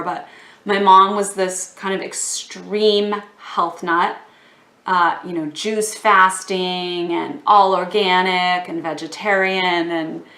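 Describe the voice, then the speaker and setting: A woman from Texas talking casually to camera in a vlog, a little hoarse from losing her voice, chatty with fillers. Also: lowish voice, a bit bright. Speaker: yoga vlogger. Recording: echoey room.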